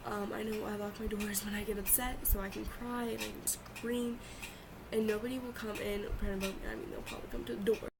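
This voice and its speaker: A young woman chatting informally and haltingly in a confessional vlog, repeating words for emphasis. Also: mid-range voice, flat delivery, gravelly. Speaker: vlogger. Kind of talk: casual confessional vlog chat. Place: bedroom at home. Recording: loud fan noise in room. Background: two loud fans running.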